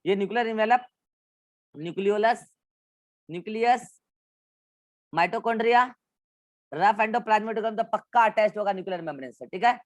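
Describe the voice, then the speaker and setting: A man's voice: high-pitched, brisk, pauses often, dry recording. A male biology teacher giving an online class in with English science terms, walking students through textbook diagrams and repeating instructions.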